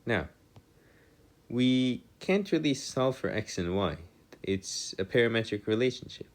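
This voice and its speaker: A man tutors through an informal maths lecture, working equations with a medium-pitched voice, lively intonation, and a measured pace. His wording is formal, and he frequently corrects himself as he goes.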